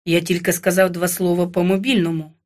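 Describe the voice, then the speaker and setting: Woman voicing a creepy calm male shrink, soothing and low, storybook read. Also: fairly quick, natural voice. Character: calm male psychiatrist doctor, quietly sinister.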